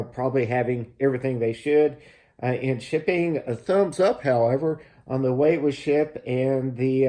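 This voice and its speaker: A man hosting a casual gear review, explaining things in a halting, measured way. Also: mid-range voice, dark tone. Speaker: host of a gear review channel. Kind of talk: casual product review to camera.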